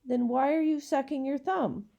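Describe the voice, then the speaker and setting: A woman's voice: sits high, normal speed, gravelly, warm tone, highs cut off, pitched above the performer's own voice. A woman voicing an enthusiastic young boy in a children's story. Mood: eager. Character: bold, eager young boy.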